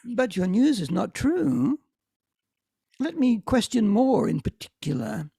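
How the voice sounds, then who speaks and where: A woman's voice: fairly high pitch, creaky, husky, no room sound, clean studio sound, full character voice. A woman reading the part of a brooding, mocking young prince over a video call whose audio keeps cutting out, so the volume is uneven. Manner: slow, animated delivery with sudden laughs.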